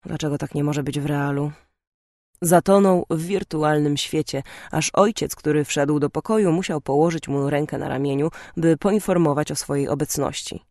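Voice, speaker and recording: Expressive woman reading a novel. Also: low-pitched, moderate pace, no room sound, studio quality. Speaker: audiobook narrator. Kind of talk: audiobook narration.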